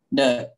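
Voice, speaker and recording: A male student with a Thai accent giving halting, hesitant practice answers. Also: a little mellow, low-quality recording.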